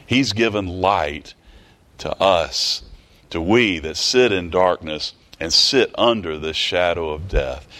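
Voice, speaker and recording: A man preaching in a slightly low voice. His delivery is folksy, and he circles back over his phrases before he builds up to emphatic peaks. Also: a bit bright. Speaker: pastor. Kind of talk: sermon.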